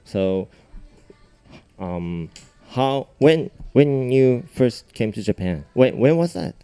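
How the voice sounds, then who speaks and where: A man hosting a radio interview, speaking briskly and answering the guest with short acknowledgments. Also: medium pitch, expressive, dark tone, clear, resonant tone, no echo. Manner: brisk, frequent short backchannels. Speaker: radio host.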